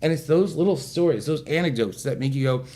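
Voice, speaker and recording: A man's voice: a little high, quick pace, mellow, a little hiss or hum. A man telling a long story in casual chat, jokey and self-deprecating, acting out quotes. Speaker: event organizer guest.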